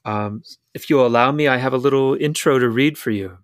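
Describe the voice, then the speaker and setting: A man's voice: medium pitch, fairly quick, no room sound, clean studio sound. A man co-hosting a podcast interview, partly reading an introduction, in a formal and somewhat hesitant manner. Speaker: podcast co-host.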